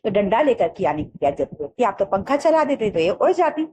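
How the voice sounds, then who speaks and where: A woman reading the lines of a mocking, sharp-tongued mother from a storybook lesson, in a sarcastic tone. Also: mid-range voice, sing-song, a little fast, a little hiss or hum, natural voice. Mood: teasing.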